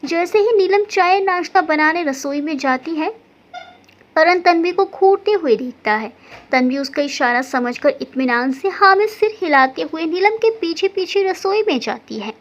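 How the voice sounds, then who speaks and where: A woman narrates a family story in an expressive, scripted reading. Her voice is very high and moves widely in pitch. The recording has a dull, lo-fi sound. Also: moderate pace.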